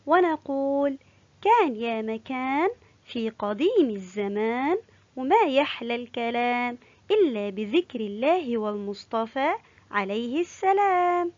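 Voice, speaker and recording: A woman teaching a kindergarten class, slow, sing-song and encouraging. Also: on the high side, darkish tone, dry recording, lo-fi sound. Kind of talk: teaching young children.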